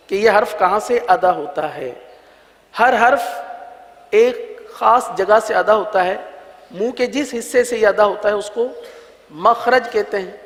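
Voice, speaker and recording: A man with a high voice gives a religious recitation lesson. He speaks patiently, drawing out each letter slowly and repeating it for learners to copy. His voice rings with the long reverb of a hall. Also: fairly bright tone. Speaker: Quran recitation teacher.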